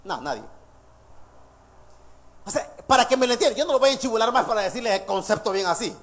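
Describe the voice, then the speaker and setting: A male pastor preaching a sermon, lively and laughing between points, quizzing the congregation with questions. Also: very high-pitched, fast.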